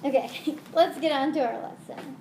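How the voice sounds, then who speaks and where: A woman's voice: sits high, moderate pace, a little mellow. A woman teaching young children math in the simple, sing-song manner of a kids show host. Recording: roomy echo with faint noise.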